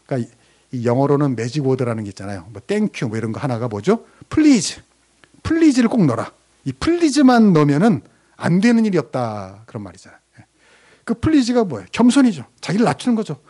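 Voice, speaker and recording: A man's voice: mid-range voice, sing-song, fast talker, dark tone. A male pastor preaching a sermon, quizzing the congregation with questions and answering them himself.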